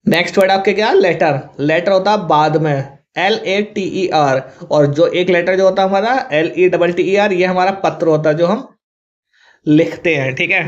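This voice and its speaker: Male teacher, Hindi accent, higher voice, spells words out slowly, dull lo-fi sound. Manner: spells words out letter by letter, often says 'thik hai'. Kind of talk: vocabulary lesson to students. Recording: dull lo-fi recording.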